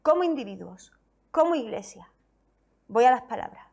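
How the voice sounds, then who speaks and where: High-voiced woman pastor preaching. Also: moderate pace, vocal fry, breathy edge. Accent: Spain Spanish. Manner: expressive scripture reading, rhetorical questions to the congregation. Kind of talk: sermon.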